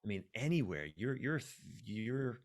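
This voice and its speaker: As a guest on a podcast, a coach with a mid-range voice explains his ideas in an animated but reflective, halting way, repeating key words to stress them.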